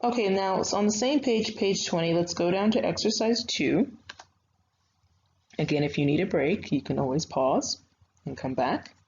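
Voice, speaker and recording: A woman's voice: fairly low pitch, lively intonation, moderate pace, a little mellow. A young woman writing instructor giving a recorded online grammar lesson, talking patiently and conversationally with frequent fillers. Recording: slightly dull lo-fi sound with faint noise.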